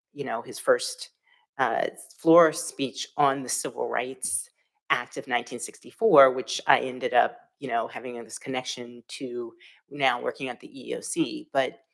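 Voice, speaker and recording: A woman with a low, deep-set voice speaks as a panelist. She tells her story in a reflective, unhurried way, pausing often and filling gaps with "um" and "you know". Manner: reflective, thoughtful storytelling with frequent fillers. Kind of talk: panel discussion.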